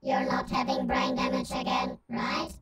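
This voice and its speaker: A man voicing a male game AI in whispered role-play, breathy and robotic through a voice filter. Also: very deep voice, completely flat delivery, a little slow, a bit bright, far from the mic, pitched below the performer's own voice. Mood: teasing.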